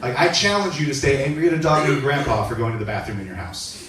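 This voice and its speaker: A man's voice: mid-range voice, quick pace, a crowd in the background. Stand-up man in an echoey club. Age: 40s. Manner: deadpan storytelling with shouted bursts for voices. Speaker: stand-up comedian. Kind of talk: stand-up set. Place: comedy club stage. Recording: echoey club from far off, noisy. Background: audience laughter.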